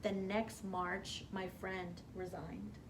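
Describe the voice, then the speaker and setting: Taking it slowly, a hair stylist guest shares stories from her career in a laid-back interview, her middling-pitched voice animated as she acts out quoted lines and gasps for effect. Faint hiss runs in the background.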